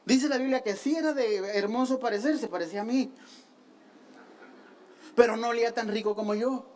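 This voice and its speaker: Woman preacher with a fairly high voice, animated storytelling with teasing asides. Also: normal speed. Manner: animated storytelling, acting out the quoted lines; playful, self-mocking asides. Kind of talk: sermon.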